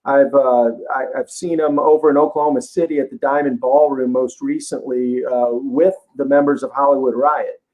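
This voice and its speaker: A man's voice: mid-range voice, fairly even intonation, moderate pace, hardly any pauses, a little mellow, poor audio. A man guest in a casual podcast interview, talking about music in a friendly, enthusiastic way. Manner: enthusiastic, friendly rock fan.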